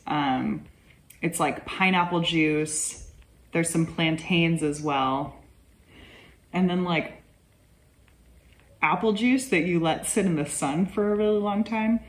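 A woman's voice: low voice, low-quality recording. A woman casually reviewing and tasting rums, chatty and full of "like" fillers. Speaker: rum reviewer. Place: indoor room at home.

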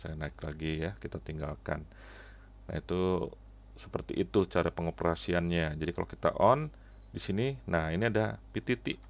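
A middle-aged app reviewer with a low voice and vocal fry walks through an app step by step on a headset mic, casual and halting, often tagging lines with "ya." He's indoors at a computer with keyboard clicks audible, and the lo-fi audio sounds slightly dull.

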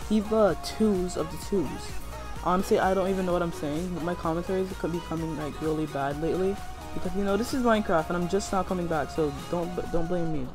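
A man's voice: sits high, quick pace. A young man doing casual gameplay commentary in a rambling, slangy, self-hyping manner as a video host. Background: music.

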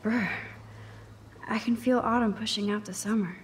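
Woman doing a shy teen girl muttering to herself in a game, mid pitch, kinda far off, soft music behind. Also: fairly even intonation, moderate pace, a little hiss or hum, lightly acted. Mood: wistful. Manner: wistful, musing to herself. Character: shy 18-year-old girl, photography student. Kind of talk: video game inner monologue.

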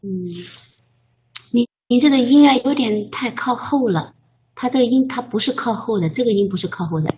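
A woman teaching English pronunciation in an online group lesson, patiently coaching and modeling sounds slowly. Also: on the high side. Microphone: voice chat. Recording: tinny phone-like line.

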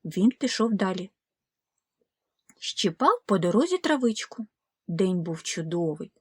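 A woman narrating a children's audiobook fairy tale in a slow, gentle, expressive way. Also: medium pitch, slightly rough, no room sound. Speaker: storyteller.

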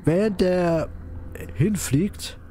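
A man's voice: high-pitched, extremely slow, mellow, slight background noise. A man giving casual commentary while he plays a video game. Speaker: let's player commenting on a game.

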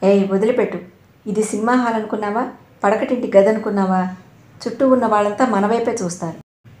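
A woman voicing a bold, sharp-tongued young woman in a storybook reading, brash and scornful. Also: mid-range voice, steady tone, a little fast, natural voice. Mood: scolding. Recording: roomy echo.

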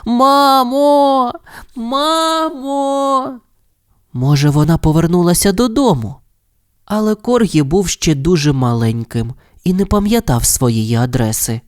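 A narrator reading a children's audio fairy tale in an expressive, lilting storytelling voice. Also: mid-range voice, moderate pace, dry recording, studio quality.

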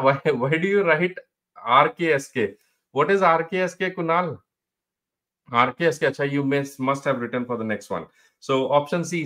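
A man's voice: mid-range voice, fairly bright tone. A middle-aged man with a North Indian accent, teaching a live online exam review in a mix of English and Hindi, encouraging students and often repeating his phrases.

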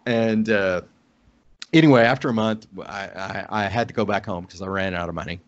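Appearing as a podcast guest over a video call from an indoor room, a middle-aged man from Oklahoma, United States, shares a casual personal story in a lowish voice at normal speed. The call audio is dull and lo-fi.

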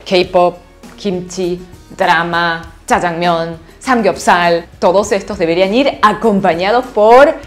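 A woman teaching a lively online Korean lesson, laughing often and checking in with her students. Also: fairly low pitch, takes it slowly, faint music behind. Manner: animated, laughs often, asks "¿sí?" constantly.

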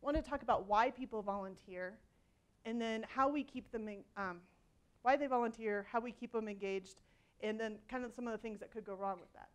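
A woman in her forties speaks from a conference stage through a headset mic, her voice sitting a little high. She talks in a loose, conversational way, full of ums and restarts, with a self-deprecating humor. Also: brisk. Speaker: keynote speaker. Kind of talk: conference keynote talk. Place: large conference hall stage.

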